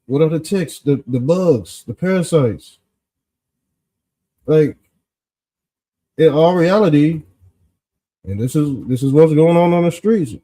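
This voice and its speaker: A man hosting an informal political commentary show, talking in folksy street style with drawn-out emphasis and a smug, sarcastic exposé manner. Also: fairly high pitch, lively intonation, mellow.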